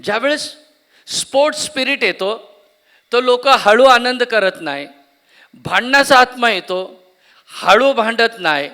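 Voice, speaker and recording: Bright, high-voiced preacher. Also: male voice, expressive, measured pace, long pauses. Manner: asks the congregation questions and repeats key words. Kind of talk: Marathi sermon. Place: church conference hall.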